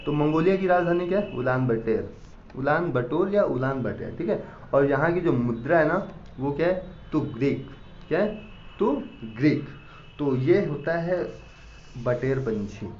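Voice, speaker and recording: Male teacher who drills students by asking and answering his own questions. Slightly high voice, recorded in a roomy space with faint background hiss. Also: animated, unhurried, a little mellow. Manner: repeats questions and answers them himself. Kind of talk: classroom lecture with mnemonic stories. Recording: echoey, dull lo-fi room sound.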